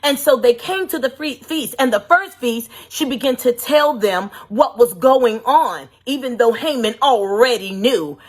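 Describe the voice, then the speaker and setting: A woman preaching with a high, husky voice that stays breathy even when she presses a point. She retells scripture in an emphatic sermon and asks her listeners rhetorical questions. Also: measured pace, few pauses. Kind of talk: sermon storytelling.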